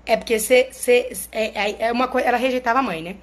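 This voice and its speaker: A high-pitched woman talks casually to her followers as a therapist. Her delivery is chatty and explanatory, and she keeps checking in with the people listening. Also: steady tone, quick pace.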